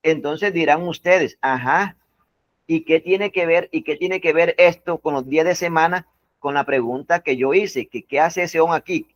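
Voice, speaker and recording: A man's voice: fairly high pitch, no room sound. A male English teacher teaching a class, repeating and stressing each word and asking students to confirm. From Colombia. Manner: slow, repetitive, stresses words one by one. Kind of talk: classroom lesson.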